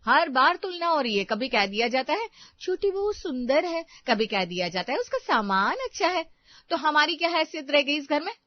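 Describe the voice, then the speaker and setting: A woman's voice: sits high, sing-song, moderate pace, dry recording. A woman voicing a bitter elder daughter-in-law. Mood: indignant. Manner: bitter, complaining, sharp retorts. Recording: dry, dull lo-fi voice track.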